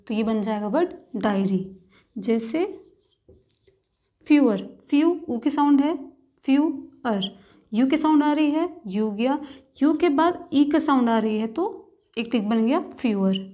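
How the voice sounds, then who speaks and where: A woman teaching shorthand in a patient lesson, slowly breaking words into their sounds one by one. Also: a little high, dark tone. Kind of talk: step-by-step instructional lesson.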